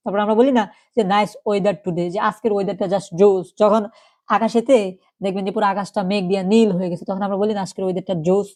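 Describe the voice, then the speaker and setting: A woman with a mid-range, slightly mellow voice teaches a recorded online German class. She asks the class questions and says each German phrase twice.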